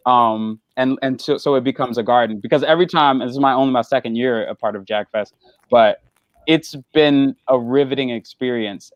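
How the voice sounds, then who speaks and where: Speaking on a panel as an actor, a man with a mid-range voice comes across as earnest and thoughtful, building his ideas gradually in a reflective conversation. The dry recording has a dull, slightly lo-fi online quality.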